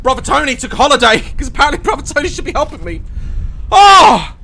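A man's voice: fast talker, slight background noise. A man streaming a horror game, scared and panicky, screaming and swearing as he comments on what he plays. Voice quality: excitable, jumping from low murmurs to shrieks. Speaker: video game streamer and channel host.

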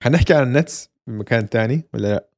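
A man's voice: medium pitch, very fast, darkish tone. A man with a Levantine Arabic accent co-hosting a casual sports chat, talking in bursts and often repeating himself. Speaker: sports show co-host. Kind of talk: casual chat about basketball.

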